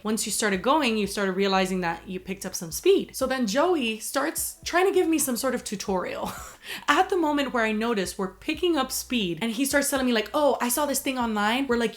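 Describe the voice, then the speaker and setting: A woman in her twenties telling stories to camera in a casual, animated, rambling way, swearing freely. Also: medium pitch. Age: 20s. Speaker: YouTube vlogger. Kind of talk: casual chatty storytelling Q&A to camera. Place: small furnished room indoors.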